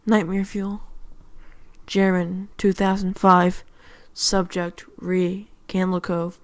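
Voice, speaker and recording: A woman reading a horror story aloud, sometimes dropping into a hush on the eerie lines. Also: on the low side, little pitch movement, slow pace, no echo, poor audio. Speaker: reader. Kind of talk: scripted horror narration.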